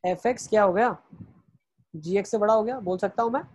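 Husky guy teaching a math class online, walks through it step by step, keeps asking "right?". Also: high-pitched, fairly quick, a little mellow. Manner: explains step by step, asking and answering rhetorical questions; mixes in English phrases while teaching.

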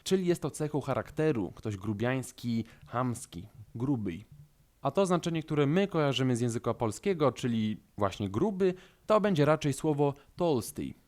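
A man with a Polish accent teaching a language lesson, calm and methodical, slowing down to stress key words. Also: medium pitch.

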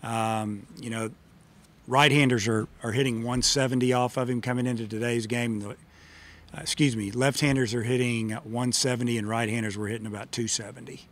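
A medium-pitched man speaking a little fast with fairly even intonation, this middle-aged baseball coach gives postgame answers to reporters. He's matter-of-fact and uses many fillers, talking into a table microphone in a press room set against a sponsor backdrop.

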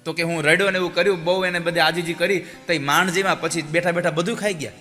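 A small boy, tearful and earnest, begging in a thin voice that jumps well above the man's own speaking pitch, as a preacher puts him on. The tone stays bright and forceful even when pleading. The voice rings with long hall reverb over faint music. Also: fast. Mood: eager. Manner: high, begging, sing-song voice.

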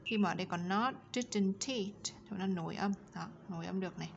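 A woman teacher giving a bilingual grammar lesson, reading English examples slowly and carefully and explaining them quickly in between. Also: on the low side, steady tone, gravelly, dull audio, a little hiss or hum.

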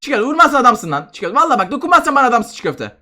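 Young male gaming YouTuber, rapid bright excitable commentary. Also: very high-pitched. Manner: fast, excitable, shouting and groaning at the game.

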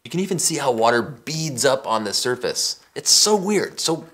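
An American man in his forties hosts a science explainer, speaking to camera in a casual, emphatic, conversational style. His mid-range voice is sing-song and a bit bright, at a normal speed, with music playing in the background.

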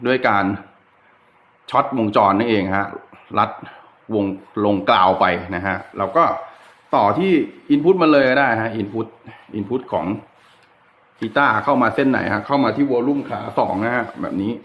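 Hosting a casual hands-on DIY guitar electronics demonstration, a man talks a little slowly in a mid-range, fairly bright voice. He's an adult with a child, and his tutorial is easygoing, chatty, and unscripted.

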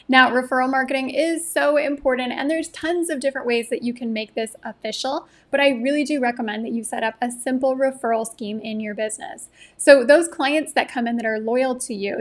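A woman in her thirties giving an upbeat, friendly marketing tutorial straight to camera, indoors. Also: sits high. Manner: upbeat, friendly, gestures with her hands while explaining. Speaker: marketing coach for beauty professionals. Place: indoor room with a painting behind.

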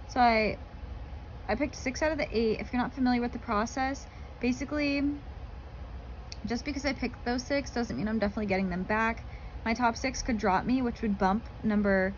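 A woman's voice: a little high, normal speed, long pauses, lo-fi sound. A young woman in her late teens chatting casually to a vlog in colloquial sorority-girl style, saying "like" often. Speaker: vlogger, college freshman. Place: small dorm rooms, indoors. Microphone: phone at arm's length. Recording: noisy handheld phone recording.

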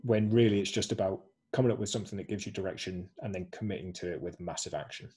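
A man's voice: low voice, fairly even intonation, quick pace, background noise. A man co-hosting a webinar over a video call, presenting slides in an upbeat way, repeating short slogans with plenty of "um"s.

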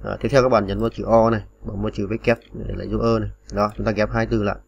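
A man's voice: fairly low pitch, level tone, rapid-fire, gravelly, a little hiss or hum. A man teaching typing on a computer in a patient, step-by-step way, with many small fillers. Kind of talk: screen-recorded typing tutorial.

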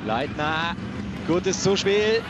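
A male commentator calls a live football match. He is excitable and quick to exclaim over good play, with a high-pitched delivery. Loud outdoor stadium noise runs behind his voice. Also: highs cut off.

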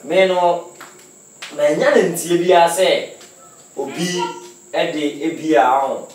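A slightly high-pitched Ghanaian man works through his argument on a radio show, piling up example after example. He is heard from a distance in a very echoey room. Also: takes it slowly, darkish tone. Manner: explains at length, lists examples. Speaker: radio sports talk co-host. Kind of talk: casual radio discussion.

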